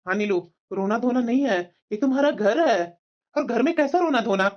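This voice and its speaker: A performer voicing a kind, newly married young husband in a cartoon story, gentle and reassuring. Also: mid-range voice, expressive, a little fast, dull audio, close to an everyday voice.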